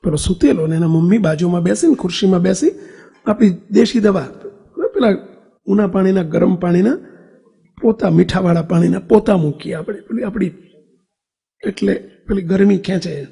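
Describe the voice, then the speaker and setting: Man, preacher; high husky gravelly voice; storytelling sermon, acts out dialogue. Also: mellow, long reverb tail. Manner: addresses listeners as devotees, asks for raised hands.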